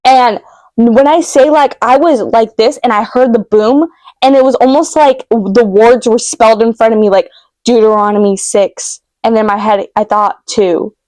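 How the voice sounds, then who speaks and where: A woman vlogger retelling a vivid dream to camera, emotional and halting, with many fillers and restarts. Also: fairly high pitch, a little mellow, no room sound. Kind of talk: casual storytelling to camera.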